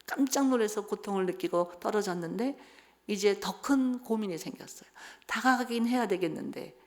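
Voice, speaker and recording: Middle-aged female seminar speaker; animated storyteller who quizzes the room. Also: medium pitch, normal speed. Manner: lively storytelling, acts out quotes, asks the audience questions. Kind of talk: church seminar talk.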